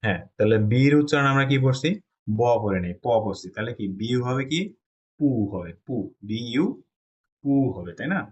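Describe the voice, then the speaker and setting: A Bangladeshi man with a mid-range, lively voice teaches a Chinese pronunciation class at a quick pace. He walks through each step and keeps checking that his students are following along in this classroom lesson.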